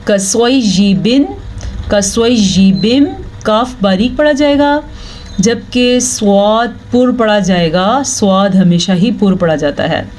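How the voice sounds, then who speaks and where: Slow, patient woman teaching recitation. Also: mid-range voice, darkish tone, slight background noise. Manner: explains rules patiently, then slowly chants each Arabic word; checks in with "thik hai" often. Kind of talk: slow, step-by-step tajweed lesson.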